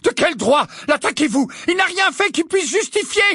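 A man's voice: extremely high pitch, sing-song, normal speed, bright, forceful tone, dry recording, clean studio sound, pitched above the performer's own voice, heavily acted. A man voicing a stern older female witch professor who speaks in indignant, commanding tones. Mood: outraged.

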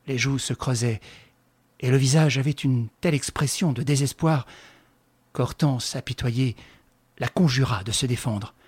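A man narrating a novel as an audiobook in a measured, expressive manner. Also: medium pitch, slightly rough, no room sound.

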